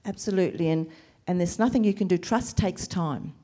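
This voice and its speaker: A middle-aged woman from a Lebanese family, who grew up in New Zealand and Australia, answers panel questions about family caregiving drawing on her work as a carer and social worker. She is earnest and emotional but measured, pausing as she goes. Lack of sleep shows in her low, mellow voice.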